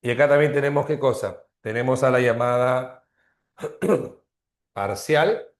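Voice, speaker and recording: A male teacher giving a grammar lesson, explaining slowly, repeating terms and checking in with frequent tag questions. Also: mid-range voice, roomy sound. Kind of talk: online grammar class.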